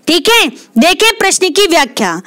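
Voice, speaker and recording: A woman tutoring for an exam who takes her time, puts a question to herself, answers it and says the key word again. Her voice sits very high and lively, bright and tense. The sound is dry and close. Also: normal speed, no room sound. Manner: repeats key words, asks and answers her own questions. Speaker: Hindi literature exam tutor. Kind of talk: quiz explanation lesson.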